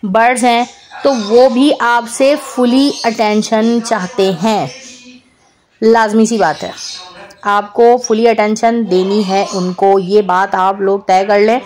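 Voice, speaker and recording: A woman's voice: mid-range voice, fairly even intonation, slow, a little mellow. A woman in her thirties, a mother narrating her family vlog as a casual voice-over, chatty and repetitive with fond teasing. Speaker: vlogger, mother.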